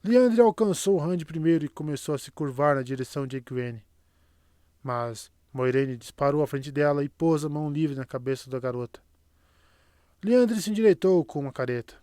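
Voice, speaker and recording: A man narrating a fantasy audiobook in a steady, even storytelling manner. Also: a little high, normal speed, no echo, clean studio sound. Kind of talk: scripted narration.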